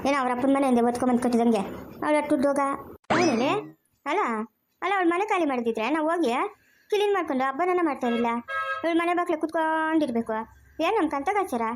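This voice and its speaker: A woman's voice: lively intonation, over music. A woman playing a quarrelsome, jealous village housewife who rants and curses nonstop in a comedy skit, with a rural Chikkaballapur Kannada accent. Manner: shrill, rapid, nonstop ranting and cursing. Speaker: actor in a family comedy skit.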